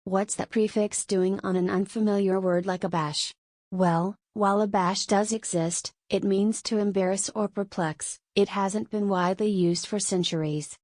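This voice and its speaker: A woman giving a scripted explainer on tricky words, clear and lightly playful. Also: mid-range voice, fairly even intonation, moderate pace, a little mellow, no echo, clean studio sound. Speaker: narrator. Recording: faint background music.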